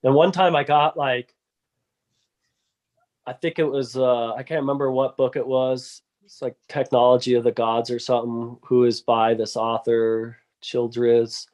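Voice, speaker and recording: A man's voice: medium pitch, flat delivery, unhurried, a little mellow. A man chatting casually on a podcast, rambling with many restarts and fillers. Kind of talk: casual chat.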